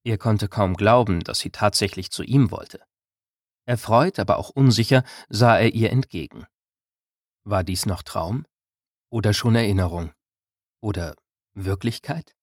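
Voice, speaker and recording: A man calmly reading a German novel aloud as an audiobook narrator. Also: fairly low pitch, no room sound, studio quality. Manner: calm, measured storytelling. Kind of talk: scripted narration.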